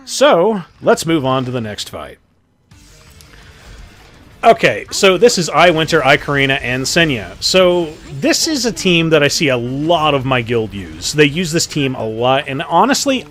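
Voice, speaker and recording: A man's voice: mid-range voice, a bit bright. A man giving casual, joking commentary over his game matches, swearing freely. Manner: profane, joking, offhand. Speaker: gaming commentator.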